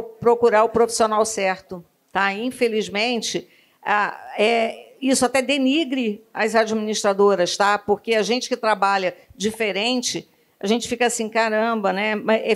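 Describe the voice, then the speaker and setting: A woman on a professional panel who explains her points and keeps checking in with the listener. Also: on the high side. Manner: explanatory, frequent tag questions. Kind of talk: panel discussion.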